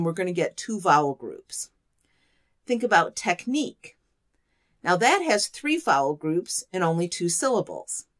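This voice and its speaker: A woman's voice: lowish voice, a bit bright. A woman teaching an online programming course, explaining step by step and asking the listener to think along. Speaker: course instructor. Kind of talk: lecture.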